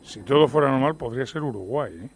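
A man's voice: mid-range voice, fast talker, slight background noise. A man on a football panel, opinionated and teasing. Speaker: pundit.

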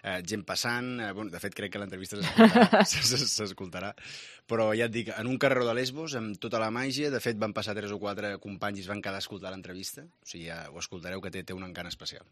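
A man's voice: fairly low pitch, fast, few pauses, dry recording. A man with a Catalan accent, chatting and asking questions as an interviewer. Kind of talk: conversational radio interview.

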